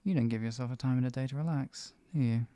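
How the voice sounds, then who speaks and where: A performer voicing a teasing, possessive villainous hypnotist in a soft, breathy ASMR role-play, coaxing and lulling a captive pet. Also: mid-range voice, fast, no room sound, natural voice. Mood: smug, doting. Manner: soft coaxing murmur slipping into close speaks softly.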